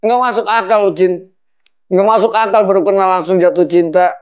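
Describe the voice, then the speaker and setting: A man's voice: high-pitched, fairly even intonation, normal speed, clean tone, lo-fi sound, close to an everyday voice. A man playing an angry middle-aged father confronting his son-in-law in a film. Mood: furious. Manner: scolding, insistent, confrontational. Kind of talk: low-budget film acting.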